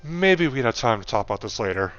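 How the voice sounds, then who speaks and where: A man's voice: mid-range voice, big pitch swings, brisk, fairly bright tone. A male game streamer reading a visual novel aloud and dropping in casual asides. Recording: dull muffled sound, music behind.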